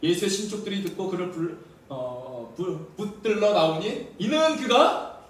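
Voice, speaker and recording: Animated preaching man in echoey church. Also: sits high, a little slow. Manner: animated preaching with questions to the congregation. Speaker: pastor. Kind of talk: sermon. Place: church sanctuary. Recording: very echoey church hall, mic at a distance.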